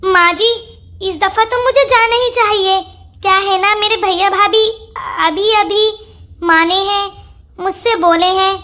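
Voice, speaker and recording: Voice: very high-pitched, steady tone, a little slow, sharp tone, full character voice. A performer voicing a proud, demanding elder sister-in-law who wheedles for gifts. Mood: wheedling. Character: proud elder sister-in-law, gift-hungry then repentant. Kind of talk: cartoon voice acting.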